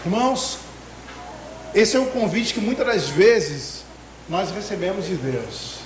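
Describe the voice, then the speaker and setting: A man preaching a sermon in an emotive way, swinging between loud outbursts and hushed asides. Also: high-pitched, lively intonation, takes it slowly, reverberant, crowd noise, rough recording.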